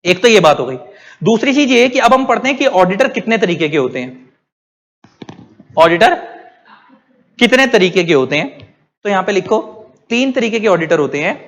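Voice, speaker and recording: A man's voice: high-pitched, very animated, normal speed, long pauses, a bit bright, big-room sound. A man teaching a class. He asks his students questions and then answers them himself. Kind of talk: classroom lecture.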